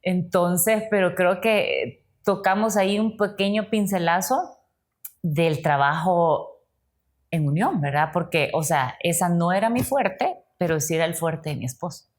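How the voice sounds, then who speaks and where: A woman's voice: on the low side, animated, a little slow. A woman with a Guatemalan Spanish accent, a mother and podcast guest telling her story earnestly with frequent fillers. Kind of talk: podcast conversation.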